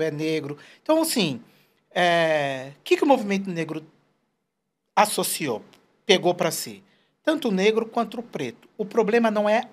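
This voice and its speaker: A man in his forties, a guest in a casual interview, telling stories and quoting people in short put-on voices. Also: fairly high pitch. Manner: animated, storytelling, quotes people in put-on voices.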